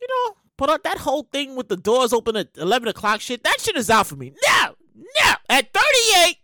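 Animated, high-voiced woman in her thirties. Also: a little fast, no echo, clean studio sound. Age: 30s. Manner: animated, profane, exclamatory, repeats words. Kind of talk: casual rant monologue.

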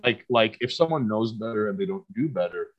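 A man's voice: fairly low pitch, animated, a little fast. A man in his thirties from Queens, a podcast guest in casual chat, rambling and swearing with many stammered restarts. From Queens, New York. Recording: slightly dull lo-fi audio.

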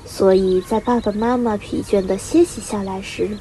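A teenage girl reading a children's story aloud, steady and expressive, as a student reader. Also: medium pitch, normal speed, slight background noise, poor audio. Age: teens. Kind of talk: storybook narration.

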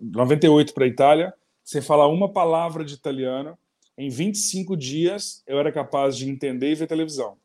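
Man, Brazilian Portuguese accent, interview host, slightly high voice, lively and chatty. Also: fairly quick. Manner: lively, laughing, talks to viewers directly. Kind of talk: casual interview chat.

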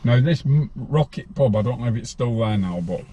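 A man's voice: mid-range voice, lively intonation, fairly quick, dark tone, slightly rough. A man, telling his life story bluntly as an interview guest. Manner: rambling, blunt, laughs while telling.

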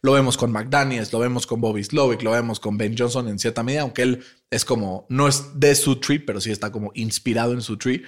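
Mexican man, podcast co-host, casual sports chat, slangy, animated, lots of fillers. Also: medium pitch, brisk, hardly any pauses. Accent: Mexican Spanish.

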